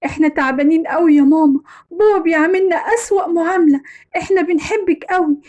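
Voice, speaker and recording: A woman's voice: very high-pitched, fast talker, a little mellow, highs cut off. A woman with an Egyptian accent voicing a teenage daughter who speaks earnestly and pleadingly to her mother. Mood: distressed. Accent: Egyptian Arabic. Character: teenage daughter, upset but loving.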